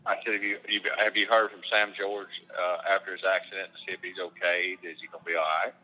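A man calling in as a phone guest, joking dryly in casual banter. His voice comes through a quiet, muffled phone line that sounds like he is inside a barrel. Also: sits low, monotone, fast. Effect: muffled phone call that sounds like it is inside a barrel.

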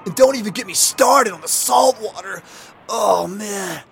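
An actor playing a laid-back, gung-ho surfer dude talking enthusiastic slang in a radio news parody. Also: male voice, sits high, measured pace, vocal fry, a bit bright, slight background noise, exaggerated voice. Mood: stoked.

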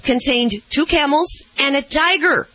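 A woman's voice: high-pitched, measured pace, bright, forceful tone, dry recording. A woman reading scripted light news stories as a radio reporter.

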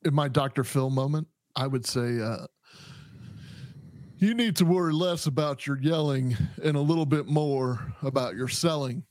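A man hosting a podcast, commenting on a clip in a joking, halting way with many restarts. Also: medium pitch, darkish tone, no echo. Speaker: podcast host, police officer.

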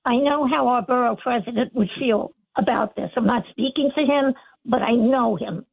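A woman in her eighties with a gravelly voice, speaking her mind casually as a caller over a narrow telephone line. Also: on the high side, no room sound. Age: 80s. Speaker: call-in radio listener. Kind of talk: casual opinionated phone-in talk. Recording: narrow, tinny phone line.

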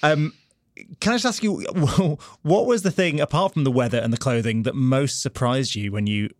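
A man's voice: medium pitch, normal speed, no room sound, studio quality. Hesitant, thoughtful male interviewer. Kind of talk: interview questions.

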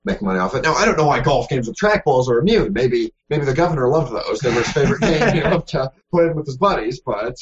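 A man's voice: medium pitch, lively intonation, fast, few pauses, breathy edge. A man co-hosting a gaming news podcast, talking casually with many ums and self-deprecating jokes. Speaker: podcast co-host. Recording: dull lo-fi podcast audio.

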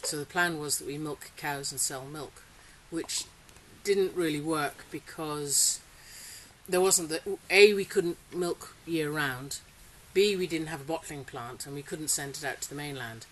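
A woman's voice: low-pitched, a little slow, rough recording. Chatty middle-aged woman, faint hiss. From Singapore. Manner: chatty, laughs often, hesitant with fillers. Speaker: interviewee, farmer. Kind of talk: casual interview. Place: polytunnel on a farm. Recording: faint hiss, rain on tunnel.

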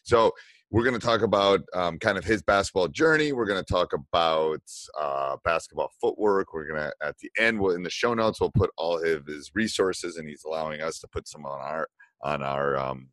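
A man's voice: low-pitched, a bit bright, no echo. A middle-aged man hosting a podcast interview in a casual, chatty way, with many fillers and restarts. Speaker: podcast host.

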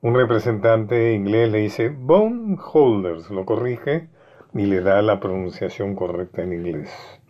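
Low-voiced man telling a history story. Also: steady tone, a little slow. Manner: conversational, asks listeners for agreement. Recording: dull lo-fi recording.

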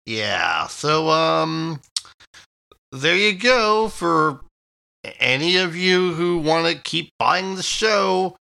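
A man's voice: on the high side, lively intonation, drawn-out words, creaky, sharp tone, clear, resonant tone. A man co-hosting a podcast in casual chat, dry and sarcastic, often groaning. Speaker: podcast co-host.

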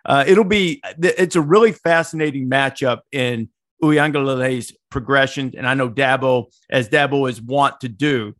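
A man's voice: mid-range voice, moderate pace, fairly bright tone, dry recording, clean studio sound. A middle-aged man co-hosting a podcast, chatting casually about college football in a rambling, digressive way with many restarts. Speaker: podcast co-host. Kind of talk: casual sports chat.

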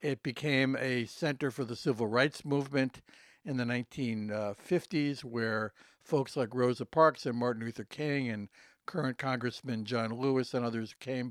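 A man's voice: mid-range voice, no echo. Man explaining history, dry close sound. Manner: lecturing, factual storytelling. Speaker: professor, expert interview guest.

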